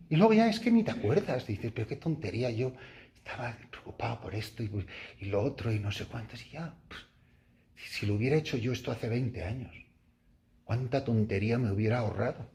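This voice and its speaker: A middle-aged priest from Spain, speaking with a Spanish accent, gives a retreat meditation to a group of nuns and tells a story with lively, playful animation. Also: male voice, slight background noise. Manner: animated storyteller, jumps high acting out his own cries and laughs. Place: room with a small group of nuns.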